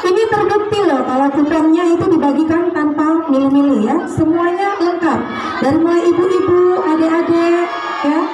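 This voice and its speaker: A woman hosting a live public prize event with a booming announcer's delivery, chatting and urging people along over a PA. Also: normal speed. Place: large public event with crowd behind. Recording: echoey, distant, noisy PA with crowd.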